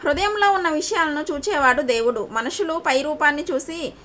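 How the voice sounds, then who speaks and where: A woman from India delivers a devotional sermon in a high, light voice. She speaks earnestly and circles back to the same questions again and again to drive her point home. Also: brisk, pushed and bright. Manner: earnest, repeats questions for emphasis. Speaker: preacher.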